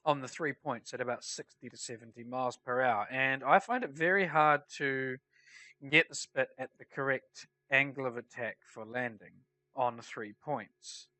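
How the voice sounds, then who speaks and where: A man's voice: medium pitch, normal speed, bright, forceful tone, no room sound. A man with a nasal, blocked-up voice from a head cold, giving casual explanatory commentary as he plays a flight simulator. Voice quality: nasal, congested. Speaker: flight sim player narrating a tutorial.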